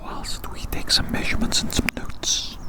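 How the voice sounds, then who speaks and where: In a breathy whisper at normal speed, an ASMR performer rambles gently, repeating phrases, choosing formal words and adding soft tag questions.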